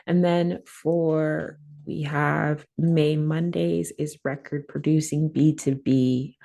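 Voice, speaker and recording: A young woman, a rapper, hosting a songwriting workshop and talking her class through slides in a relaxed, chatty way with plenty of fillers. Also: sits low, gravelly. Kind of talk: casual workshop presentation.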